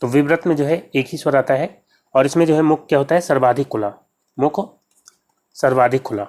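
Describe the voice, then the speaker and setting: A man's voice: medium pitch, brisk, a little mellow. Man tutoring exam questions. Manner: explanatory, repeats key terms, often says "to jo hai". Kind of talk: exam-prep lesson, solving practice questions.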